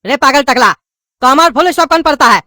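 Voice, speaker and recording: A woman's voice: sits high, animated, fairly quick, sharp tone, no echo, clean studio sound. Woman playing an impatient scolding cartoon schoolteacher. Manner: scolding, corrects pronunciation. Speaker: teacher.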